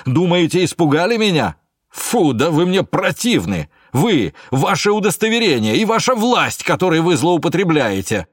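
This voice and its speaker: A male reader voicing an indignant middle-aged male suspect who shouts with contempt at a police officer. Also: lowish voice, expressive, normal speed, few pauses, dry recording, clean studio sound, natural voice. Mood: enraged. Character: furious defiant middle-aged man, suspect.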